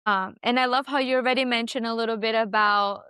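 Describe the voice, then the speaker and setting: A woman's voice: on the high side, fairly even intonation, fairly quick, pushed and bright, clean tone, dry recording, clean studio sound. A woman hosting a podcast, upbeat and encouraging toward her guest. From Brazil. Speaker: podcast host. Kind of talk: casual podcast interview.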